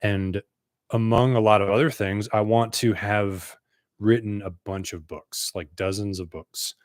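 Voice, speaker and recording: A man's voice: on the low side, fairly even intonation, unhurried, dry recording, studio quality. A man in his thirties from the United States, a business coach telling his own story to camera in an earnest, conversational way.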